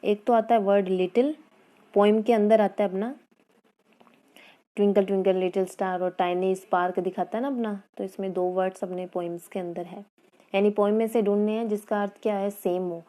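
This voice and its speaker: Patient woman teacher, dark mellow voice. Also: mid-range voice, steady tone. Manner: repeats words and asks the class questions; reads English lines slowly and carefully. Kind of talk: online class lesson in Hindi-English mix.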